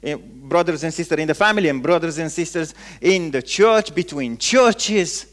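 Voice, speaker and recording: An animated, slightly bright sermon comes from a Romanian-accented man whose pitch sits well above the usual male range. He pauses often, restating words and speaking in short, emphatic bursts as a pastor would.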